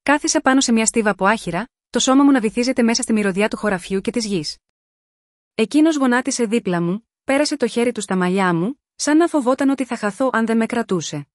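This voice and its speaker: A woman narrates a first-person romance in a measured, sensual tone. Her voice sits a little high, and the sound is dry and close with no room around it. The delivery is calm and scripted, like an audiobook reading. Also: no echo. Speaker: storyteller.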